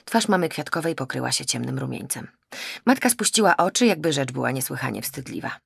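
A woman narrating a novel in a steady, even storytelling manner. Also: rumbling low, brisk, creaky, husky, dry recording, clean studio sound. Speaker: audiobook narrator. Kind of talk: scripted narration.

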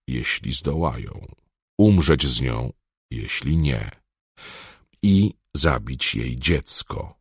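A man's voice: very deep voice, husky, no room sound, clean studio sound. A man reading an audiobook aloud in a dramatic style, swelling on tense moments. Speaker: audiobook narrator. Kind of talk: scripted audiobook narration.

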